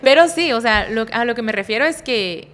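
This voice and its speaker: A woman's voice: a little high, lively intonation, a little fast, over a noisy crowd. A woman pastor with a Guatemalan accent, talking casually on a podcast, rambling and interrupting herself, often ending phrases with little tag questions. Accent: Guatemalan Spanish. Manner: describes herself as speaking softly but energetically. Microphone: studio podcast microphone, kept at a distance.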